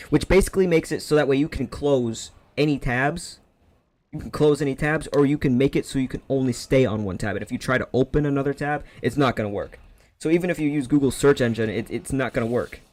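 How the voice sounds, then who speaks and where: A man's voice: mid-range voice, brisk, darkish tone. A man streaming games while telling a long, profane story in a sarcastic, rambling way. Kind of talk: casual rant over gameplay.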